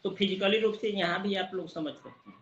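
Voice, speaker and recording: A high, bright male voice lectures to a study group, spelling out technical terms slowly as he explains. He is recording near a busy market, so the sound is echoey and a little dull, with faint noise behind him. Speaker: teacher.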